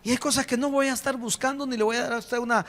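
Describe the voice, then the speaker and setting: A man, preaching a sermon as a pastor, emphatic, slowing on key phrases and putting rhetorical questions to the congregation. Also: very high voice, fairly even intonation, fairly bright tone. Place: church hall. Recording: long reverb of a church hall.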